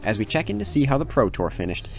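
A young man hosts a casual golf series. He narrates his own play in an informal way, in an average-pitched voice. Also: very animated, fast talker, vocal fry, soft background music. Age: young adult. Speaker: host of a simulator golf series.

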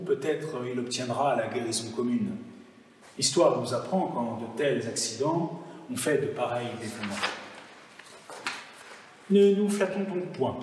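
A man reading the part of a solemn male lion king holding council, in a grave, measured declamation of a verse fable. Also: mid-range voice, darkish tone, lightly acted. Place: large stone chapel, live audience reading. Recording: echoey chapel, voice from far off.

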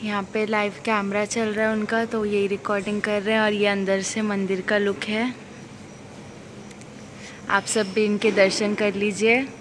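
A woman's voice: medium pitch, flat delivery, measured pace, a little hiss or hum. A woman in her thirties chatting casually to camera in a travel vlog, recorded outdoors on a phone held at arm's length. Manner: chatty, informal, talks straight to camera. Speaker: travel vlogger. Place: outdoors at night by a roadside stall and at a temple.

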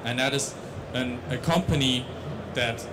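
This conference speaker, a young man with a Dutch accent, talks unhurriedly at a medium pitch over background noise. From a big stage, handheld mic in hand, he presents on tech while frequently restarting and filling gaps.

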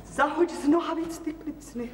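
Actress doing a nagging house-proud wife, shrill and high, old 70s tv film sound, echoey far off with hiss. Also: female voice, lightly acted. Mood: scolding. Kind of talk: 1970s TV drama acting. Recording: roomy 1970s TV film sound, faint hiss.

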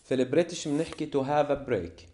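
A male English teacher with a Levantine Arabic accent, explaining vocabulary in a classroom lesson and reading word lists slowly and deliberately. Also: on the high side, dark tone, slight background noise.

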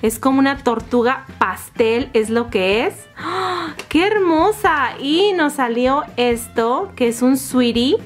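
A woman's voice: high-pitched, lively intonation, slow pace, hardly any pauses. A woman presenting a toy unboxing to young viewers, enthusiastic and full of exclamations. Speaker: toy channel host. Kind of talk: toy unboxing narration for children. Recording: music behind the voice. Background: music.

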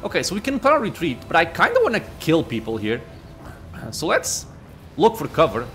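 A man's voice: on the high side, wildly swooping pitch, brisk, fairly bright tone, slight background noise. A man hosting a gaming video, thinking aloud with fillers and muttered asides as he plays. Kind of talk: casual let's-play commentary.

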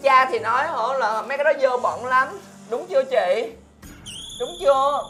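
A woman's voice: high-pitched, lively intonation, moderate pace, bright, forceful tone, slight background noise. A melodramatic country girl. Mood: dramatic. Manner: dramatic, whiny, melodramatic. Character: naive, emotional young country woman, the younger sister. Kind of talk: sitcom acting.

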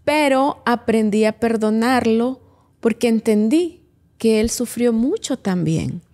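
Speaking slowly in an animated, fairly high and slightly mellow voice, a woman shares her life story as a podcast guest. She's a businesswoman, and her heartfelt testimony is earnest and reflective, with advice aimed at listeners.

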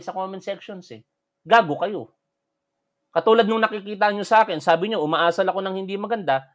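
A man from the Philippines ranting at his critics in a combative, scolding, mocking commentary. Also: on the high side. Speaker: vlogger answering critics.

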